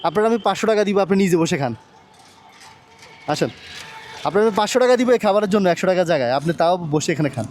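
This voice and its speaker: A man with a Bangladeshi Bengali accent chatting on a city street outdoors, asking quick, coaxing, reassuring questions. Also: high-pitched, lively intonation, a little mellow, a little hiss or hum. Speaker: charity vlogger interviewing a street seller. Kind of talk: casual street conversation.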